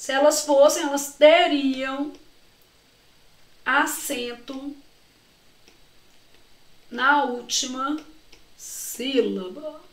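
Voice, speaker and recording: A high-voiced Brazilian woman teaching Portuguese to students preparing for an exam. She draws out key words and keeps firing questions at her class. The recording sounds echoey, with her voice a bit far from the mic. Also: extremely slow, long pauses. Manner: talks to students directly, often asks them questions and answers herself; stretches out key words and syllables while explaining. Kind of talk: exam-prep lesson walking through questions.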